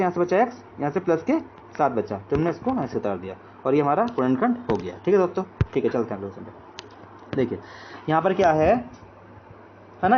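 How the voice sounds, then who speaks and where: A man teaching math, explaining each step and checking in with his students. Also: on the high side. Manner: repeats check-in phrases like "okay friends". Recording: dull lo-fi audio with faint hiss.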